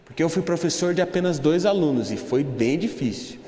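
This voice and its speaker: A man's voice: on the high side, lively intonation, fairly quick, dark tone, roomy sound, long reverb tail. A young Brazilian man giving a humorous church testimony, telling a story and addressing the congregation as brothers. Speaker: church speaker.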